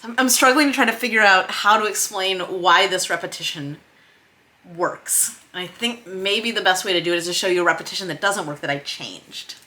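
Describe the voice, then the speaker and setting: Speaking a little fast in a sharp, medium-pitched voice, a woman who writes and directs films walks viewers through revising a script. The vlog is informal, and she reasons out loud emphatically while poking fun at herself.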